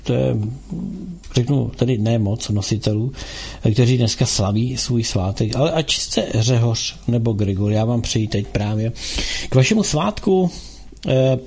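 A male radio host with a gravelly, husky voice at an ordinary pitch. He talks through a casual call-in show in a loose, rambling way, stopping often to hunt for words. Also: a little mellow. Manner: rambling, halting, with frequent filler sounds.

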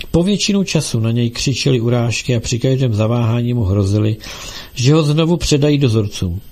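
A man narrating an audiobook in a steady, measured reading style. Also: medium pitch.

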